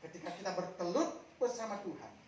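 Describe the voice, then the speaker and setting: A man's voice: high-pitched, fairly quick, recorded from a distance, slight background noise. Male pastor preaching in an echoey hall. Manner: animated storytelling, swinging from hushed to loud. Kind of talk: sermon. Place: church hall during a service.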